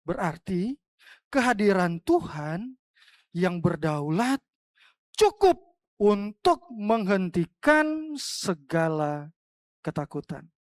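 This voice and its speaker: A woman's voice: mid-range voice, very animated, slow pace, pauses often, no echo, clean studio sound. Woman preaching a dramatic sermon. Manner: dramatic, swings between loud emphatic cries and soft hushed lines. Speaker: pastor. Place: church.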